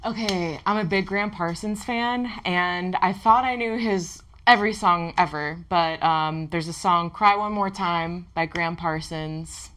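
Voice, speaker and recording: Easygoing woman with a low voice. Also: measured pace, hardly any pauses, a bit bright. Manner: easygoing, short laughing answers. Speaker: amp technician and shop owner. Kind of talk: casual interview chat. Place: her repair shop.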